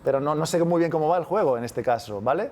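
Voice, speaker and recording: Fast and lively in intonation, a Spanish man with a Spanish accent leads a casual masterclass at a university, his voice on the high side and slightly mellow. He checks in with the audience constantly, asking "¿vale?".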